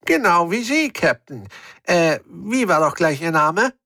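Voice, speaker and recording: A man's voice: fairly high pitch, big pitch swings, unhurried, pushed and bright, no echo, studio quality, heavily acted. A man voicing a flustered alien captain. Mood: polite. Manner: flustered, stammering, overly polite. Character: nervous evasive alien captain with a trunk.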